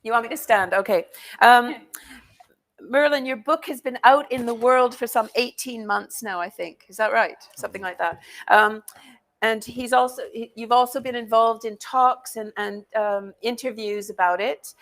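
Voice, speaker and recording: A woman's voice: a little high, normal speed, fairly bright tone. A woman moderating a live panel talk who asks questions in an informal, fumbling way, with frequent restarts. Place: live talk event before an audience.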